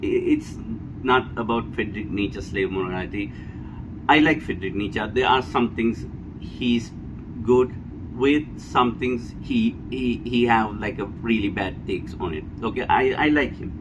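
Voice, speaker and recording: A vlogger with a Sri Lankan accent and a lowish, unhurried voice delivers an unscripted, blunt monologue of personal opinion. He is emphatic and repetitive, often checking for agreement, while a clear, steady air-conditioner hum runs in the background.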